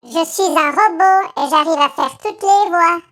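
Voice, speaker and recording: A man putting on the voice of a small robot that does all the voices, with a high, gravelly, buzzing robot sound. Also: unhurried, bright, forceful tone, soft background music, heavily acted. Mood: boastful.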